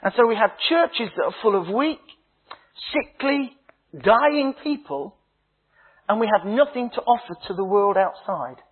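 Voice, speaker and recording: A man, a minister, preaching a sermon with a husky voice, slow emphatic phrases that drop to a hush, and humorous stories. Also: sits high, big pitch swings. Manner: dramatic preaching, slow emphatic phrases dropping to hushed tones; humorous storytelling. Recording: tinny phone-like sound.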